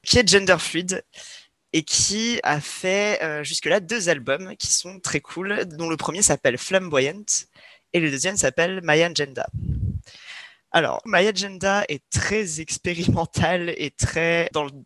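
Bright, higher-pitched man, hesitant chat. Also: no room sound. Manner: hesitant, many filler pauses and restarts. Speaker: podcast co-host presenting a music segment. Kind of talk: casual chat.

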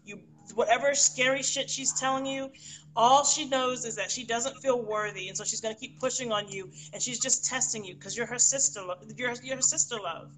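A woman hosting a live tarot session, talking in a casual, animated way and laughing often. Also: on the high side, a little fast, poor audio. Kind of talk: casual live-stream chat.

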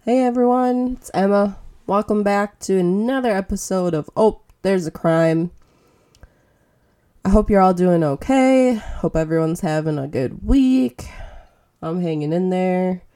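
A woman's voice: mid-range voice, measured pace, dark tone. A woman hosting a true crime podcast, chatting casually to listeners in an informal, hesitant way with trailing thoughts.

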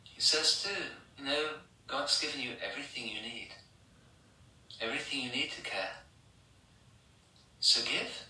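English male priest, sermon, slow and insistent, distant roomy church sound. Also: mid-range voice, pushed and bright. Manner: measured, repetitive rhetorical questions and lists. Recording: echoey church from far off.

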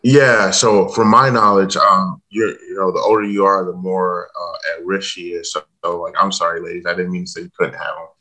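A man with a very deep voice and a bright, forward tone chats on a podcast. He hesitates often, fills gaps with "um" and "like", and apologizes as he goes. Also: steady tone, normal speed, hardly any pauses. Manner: hesitant with many fillers and apologies. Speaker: podcast co-host. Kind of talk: casual chat.

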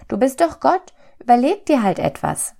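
A woman's voice: medium pitch, big pitch swings, measured pace, gravelly, mellow, voice pushed up, full character voice. A woman voicing a small, curious and cheeky childlike soul in a storybook reading. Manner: eager, pleading, wondering.

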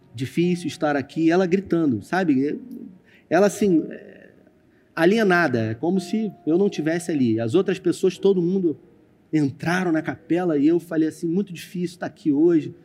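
Brazilian pastor, man, slightly high and warm voice, dramatic sermon storyteller, faint music underneath. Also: expressive, a little fast. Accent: Brazilian Portuguese. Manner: dramatic storyteller, addresses congregation directly. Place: church stage with screen.

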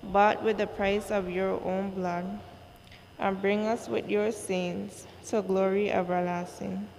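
Slow gravelly woman in cathedral echo. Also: medium pitch, flat delivery, darkish tone. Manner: slow, measured recitation. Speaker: worship leader. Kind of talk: reciting church liturgy. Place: large church. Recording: long church reverb, faint noise.

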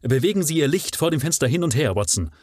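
A man's voice: medium pitch, lively intonation, brisk, no echo, studio quality, pitched above the performer's own voice, natural voice. A man reading aloud, voicing a stern male nobleman who angrily commands and interrogates his servant. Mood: angry. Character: stern indignant male nobleman, master of the house.

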